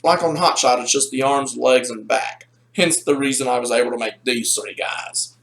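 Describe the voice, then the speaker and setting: A man telling a rambling, animated story in a casual toy review. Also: mid-range voice, normal speed, vocal fry.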